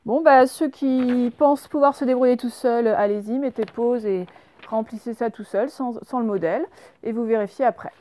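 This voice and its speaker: A woman teacher leading a remote handwriting and dictation lesson, slowly spelling words out letter by letter. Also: on the high side, mellow. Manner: slow, spells out letters step by step. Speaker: primary school teacher.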